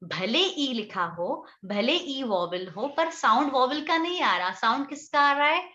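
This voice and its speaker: A woman's voice: high-pitched, animated, measured pace, bright, forceful tone. An Indian woman teaching English grammar to a class, explaining step by step and often checking whether the students understand. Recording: echoey classroom, dull lo-fi sound.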